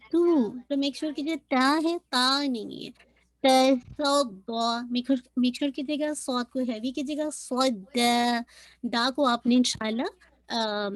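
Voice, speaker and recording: A woman's voice: high-pitched, no echo. A woman teaching Quran recitation in an online lesson, patiently demonstrating sounds and often checking that her students follow. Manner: patient, demonstrates sounds slowly and repeats them; frequently checks in with the class.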